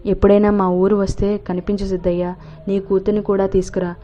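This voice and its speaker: A woman reading as a hearty rich young gentleman. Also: high voice, level tone, brisk, slight background noise, lightly acted. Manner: hearty, grateful. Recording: dull lo-fi recording.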